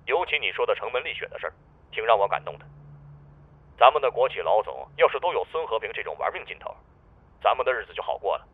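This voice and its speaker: A man's voice: lowish voice, sing-song, fast talker, pitched below the performer's own voice. A man voicing a jovial middle-aged male provincial official who talks over the phone in an easygoing, joking way. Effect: phone line. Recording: tinny phone-line sound.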